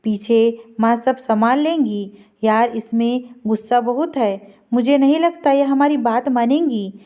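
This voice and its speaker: A woman's voice: on the high side, a little slow, lightly acted. A woman voicing a worried, restless young husband in an audio story, speaking in an anxious, pleading way. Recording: dull lo-fi recording.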